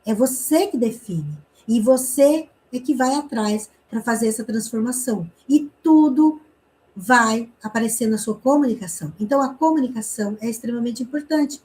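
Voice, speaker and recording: Brazilian woman, from paraná, high voice, mellow tone, chatty class teacher. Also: poor audio. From Brazil, interior of Paraná. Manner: chatty, frequent "né?" tags, quick reenacted dialogue. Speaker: communication teacher. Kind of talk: personal story in an online class.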